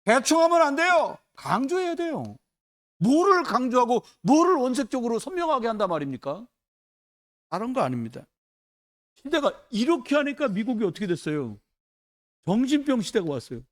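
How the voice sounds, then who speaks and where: A male pastor delivering a sermon in a church. His voice sits high and swings widely in pitch as he tells loose, chatty stories. He acts out the people he quotes. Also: moderate pace. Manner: animated, colloquial storytelling with acted quotes.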